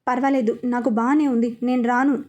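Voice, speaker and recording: A woman's voice: fairly high pitch, little pitch movement, brisk, warm tone, natural voice. A woman reading the part of a stubborn, irritated young woman who speaks sharply and curtly.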